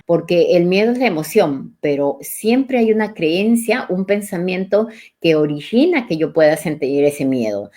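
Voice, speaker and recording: Female host for a coaching live stream, fairly low pitch, reflective and questioning. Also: darkish tone. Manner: reflective, poses questions to the listener. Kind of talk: motivational live talk. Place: live online session.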